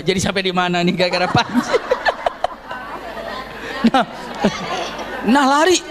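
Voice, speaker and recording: A man preaching by lively storytelling to mothers, animated and jokey, into a microphone. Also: high-pitched, a little slow, over a noisy crowd, very noisy. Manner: animated, jokey, acts out scenes. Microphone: handheld microphone.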